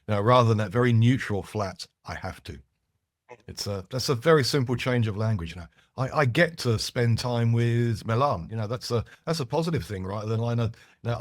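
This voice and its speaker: A man with a lowish voice, recorded in clean studio quality with no echo, appears as a podcast guest in a casual conversational interview. French is his first language, and he explains his ideas with frequent restarts and asides.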